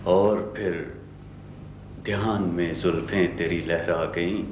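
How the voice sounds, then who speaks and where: An actor playing a proud, bitter struggling writer who declaims poetry slowly and scoffs at critics, with a Pakistani Urdu accent. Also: male voice, low-pitched, fairly even intonation, a little mellow, echoey room, slight background noise. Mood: poetic.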